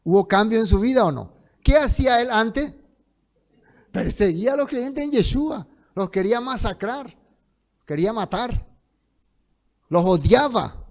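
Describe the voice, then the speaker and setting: A man teaching a Bible study in sermon style, emphatic, with loud stresses that fall to soft trailing phrases, slowing down to read scripture. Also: very high-pitched, lively intonation. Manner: slows down to read scripture aloud.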